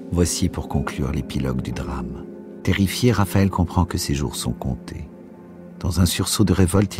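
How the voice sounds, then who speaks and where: A man reads a classic novel aloud for a radio broadcast, measured and expressive. His voice sits very low. Faint music runs underneath. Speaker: reader. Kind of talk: literary reading for radio.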